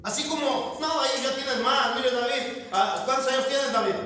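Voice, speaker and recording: A man's voice: very high voice, normal speed, sharp tone. A man with a Mexican Spanish accent preaching a sermon as pastor, asking the congregation questions and calling them brothers. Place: church hall. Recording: very echoey church from a distance.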